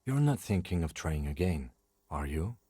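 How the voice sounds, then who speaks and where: An actor voicing a calm, dry detective partner in a video game, speaking in a measured, deadpan way. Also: male voice, deep voice, slightly rough, no echo, full character voice.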